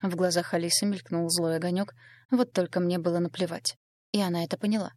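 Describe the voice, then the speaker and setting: A woman with a lowish voice narrates a novel in an even, measured storytelling way. The recording is dry and close, with no room sound. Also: dry recording. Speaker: audiobook reader.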